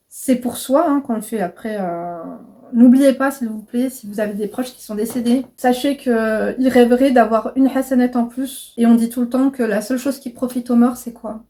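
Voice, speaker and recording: A woman's voice: on the high side, mellow. A woman in her thirties chatting frankly to camera as a vlogger and coach, casual and direct, swearing freely. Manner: chatty, frank, swears casually, addresses viewers as "mes crèmes".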